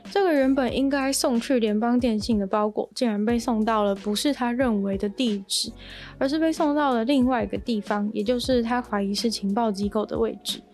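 A woman hosting a podcast, reading offbeat news stories in an even, conversational way with light asides. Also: a little high, a little fast, faint music behind. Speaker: podcast host. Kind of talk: scripted news-roundup narration.

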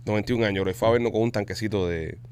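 A man hosting a podcast, telling stories in quick, animated casual chat full of slang. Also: lowish voice, a little hiss or hum. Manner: rapid, animated storytelling with Spanish slang. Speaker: podcast host.

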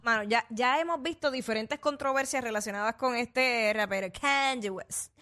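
A woman's voice: fairly high pitch, moderate pace, pushed and bright. A woman co-hosting a casual radio gossip segment, recounting celebrity news in a chatty, hesitant way. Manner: chatty, hesitant, with fillers and restarts. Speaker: radio show co-host. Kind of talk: casual entertainment gossip chat.

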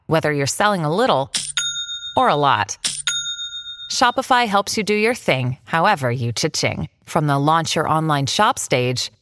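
A woman's voice: sits low, a bit bright, no echo. A woman reading a scripted advertisement in a playful, conversational way, close to the mic.

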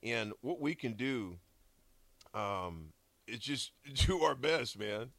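Gravelly, bright-voiced male radio host. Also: mid-range voice, expressive, no echo. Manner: halting, repeats himself. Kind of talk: casual radio chat. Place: radio studio.

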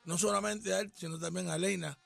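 Older father, very gravelly and high-pitched, halting heartfelt toast, music behind. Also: fairly even intonation, fairly bright tone. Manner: slow, heartfelt, hesitant. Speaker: father of the host.

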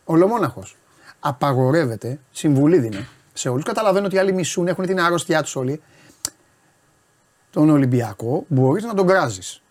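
A man with a fairly high voice for his sex co-hosts a casual show. He talks in insistent bursts, repeating the same words again and again to make his point. The tone is loose studio banter. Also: expressive, darkish tone. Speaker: radio co-host.

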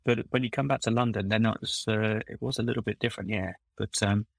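A middle-aged man with a low, gravelly voice talks loosely through his story as a podcast guest. He wanders and restarts his sentences, and the close sound has little room echo. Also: fairly even intonation, fairly quick. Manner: rambling, self-correcting storyteller. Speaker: guest, former recruiter turned coach. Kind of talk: casual podcast conversation.

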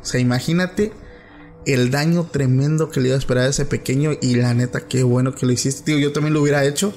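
A man's voice: mid-range voice, steady tone, fast talker, darkish tone, faint music behind. A man with a Mexican accent hosting a podcast, reacting with emphatic agreement in casual chat. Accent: Mexican Spanish. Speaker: podcast host.

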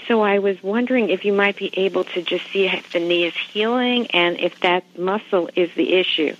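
A woman's voice: mid-range voice, moderate pace, slight background noise. A woman calling in to a radio show over the phone, talking in a hesitant, casual way as she searches for words. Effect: heard over a phone line on a radio show. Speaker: call-in radio show caller. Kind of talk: casual chat. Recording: lo-fi phone line.

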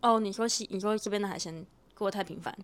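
A young woman with a Taiwanese Mandarin accent talks extremely fast in a mid-range voice. She chats casually as a co-host, complaining with blunt, playful energy. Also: medium pitch. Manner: drops English words into Mandarin. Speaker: podcast co-host. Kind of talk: casual chat.

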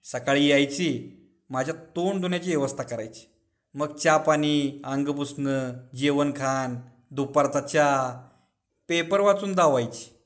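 A man's voice: on the high side, a little slow, close to an everyday voice. A man voicing a boastful elderly village notable who is smitten with his nurse, telling his tale with relish and drawing out his words.

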